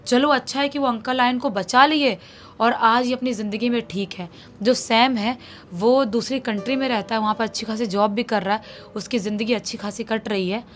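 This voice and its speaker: A woman telling a horror story in a relaxed, conversational way for a storytelling channel. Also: on the high side, moderate pace. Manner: conversational, relaxed retelling with acted quotes. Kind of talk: casual spoken horror storytelling.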